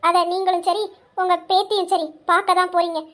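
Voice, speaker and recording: A woman voicing a loyal young wife in an audio drama, steady and defiant. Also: extremely high pitch, brisk. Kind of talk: amateur Tamil audio drama.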